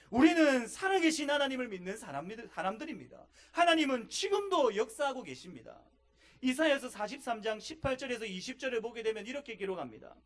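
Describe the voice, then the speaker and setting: A man preaching from the pulpit in a strikingly high voice. His pitch swings widely as he presses rhetorical questions on the congregation. He builds each point to an emphatic peak. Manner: emphatic, rising to stress key lines. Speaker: pastor. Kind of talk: sermon.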